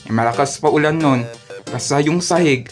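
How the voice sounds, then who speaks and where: A man's voice: a little high, moderate pace. A man with a Filipino accent telling embarrassing stories in a playful, self-mocking narration for his cartoon. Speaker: animator and narrator. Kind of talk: comedic storytelling narration. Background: soft music.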